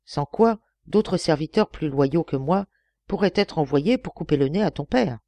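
A crafty male envoy, stern one moment and wheedling the next, as a woman reads him aloud. The voice is mellow and warm. The recording is close and dry. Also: low voice, expressive, normal speed, dry recording. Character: scheming sly male royal envoy.

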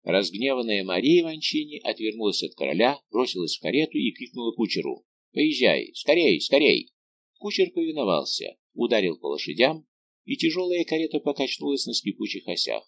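A man narrating a classic novel as an audiobook in a measured, expressive reading. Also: medium pitch, muffled recording. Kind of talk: scripted narration.

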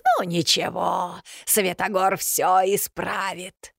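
A woman's voice: fairly low pitch, fairly even intonation, slow, creaky, no echo, clean studio sound, full character voice. A woman voicing a spiteful old witch who talks with sneering, gloating scorn. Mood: scornful.

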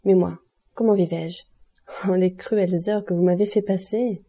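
A grave, mysterious count, read by a woman speaks low and insistently in an audiobook. The tone is very dark and mellow, a little husky, and softly restrained. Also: fairly even intonation, moderate pace. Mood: grave hushed. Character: mysterious male count, calm, grave protector. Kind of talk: audiobook character reading.

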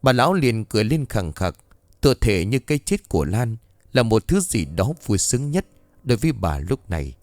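A man's voice: on the low side, very animated, normal speed, dry recording, clean studio sound. A man reading a ghost story aloud with dramatic expression.

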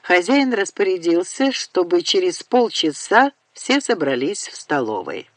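A woman narrating an audiobook in a measured, unhurried way, recorded on a close studio mic. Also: lowish voice, very animated, no room sound.

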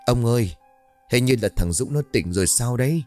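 A man's voice: mid-range voice, expressive, a little fast, a little mellow, faint music behind, voice pushed up, lightly acted. Man playing a frantic village mother. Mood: worried. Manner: anxious, pleading calls. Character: frightened rural mother searching for her son.

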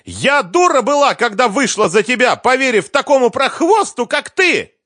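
A man voicing a hysterical ex-wife who shrieks accusations in a high, strained voice. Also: very animated, moderate pace, dry recording, clean studio sound. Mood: screaming. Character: shrill hysterical ex-wife, woman, screaming.

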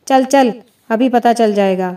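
A gruff old village man, scornful and scolding, read by a woman with a mellow, fairly high voice. The voice sits well back from the microphone. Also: lightly acted. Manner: mocking, scolding. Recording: distant mic.

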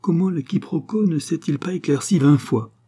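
A man's voice: a little high, moderate pace, dark tone, husky, pitched above the performer's own voice. A man reading the lines of a passionate, jealous young husband, eager and questioning.

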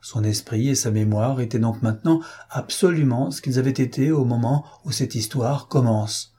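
A man reading a classic short story aloud in a measured, dramatic narration. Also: mid-range voice, warm tone, slightly rough. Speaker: audiobook narrator. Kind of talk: scripted literary narration.

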